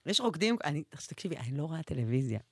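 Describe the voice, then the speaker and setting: A woman hosting a radio show in casual chat, chatty and laughing, telling lively anecdotes. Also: low-pitched, no room sound. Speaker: radio host. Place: radio studio.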